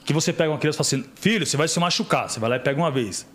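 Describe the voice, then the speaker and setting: A middle-aged Brazilian man, a guest on a podcast, tells stories in casual conversation, acting out the voices of the people involved. His voice is on the high side and races along as he animatedly performs the quoted dialogue.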